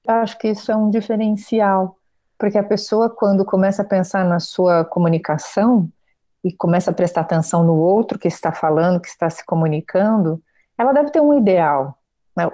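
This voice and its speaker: A woman hosting a conversation about communication, speaking in a measured, explanatory way and asking follow-up questions. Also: medium pitch, warm tone. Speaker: host, speech therapist. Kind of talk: conversational interview.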